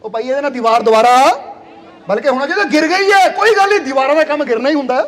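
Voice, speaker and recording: A man delivers a devotional sermon in a strikingly high voice. He is earnest and drives his points home by repeating them. His voice carries a long reverb from the hall. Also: racing, fairly bright tone. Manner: earnest, repeats phrases for emphasis, sings short devotional verses. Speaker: spiritual preacher. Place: satsang hall.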